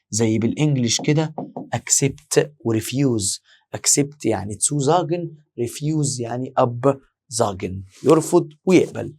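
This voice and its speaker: Gravelly Egyptian man teaching. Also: mid-range voice, a little mellow. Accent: Egyptian Arabic. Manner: explains step by step, repeats words slowly, quizzes students. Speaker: German language teacher. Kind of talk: exam-prep lesson.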